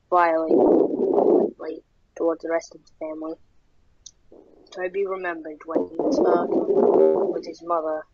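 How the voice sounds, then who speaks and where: A narrator reading a horror story aloud in a slow, even way. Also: medium pitch. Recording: dull lo-fi with faint noise.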